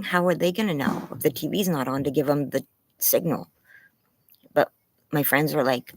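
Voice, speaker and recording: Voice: medium pitch, no echo. A livestreamer chatting casually and apologetically through a face mask, muffled, anxious, with a strained, tired throat. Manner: apologetic, rambling. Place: outdoors in a yard.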